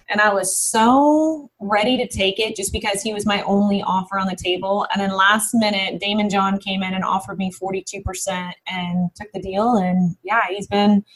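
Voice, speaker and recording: A woman business founder speaks as an interview guest, telling her story in a lively, animated way. She talks casually and quickly, full of fillers and restarts, at a middling pitch. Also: rough recording.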